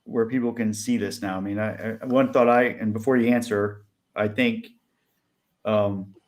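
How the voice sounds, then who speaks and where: A man hosting a casual video call chat, relaxed, thinking aloud mid-sentence. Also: fairly low pitch, normal speed.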